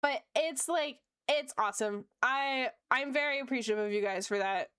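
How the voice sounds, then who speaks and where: A woman's voice: high-pitched, normal speed, fairly bright tone, smooth, no echo, clean studio sound. A woman, chatting casually on her stream while she draws, upbeat, often laughing and using lots of fillers. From Canada (Ontario). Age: late 20s. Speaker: streamer and VTuber. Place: home room.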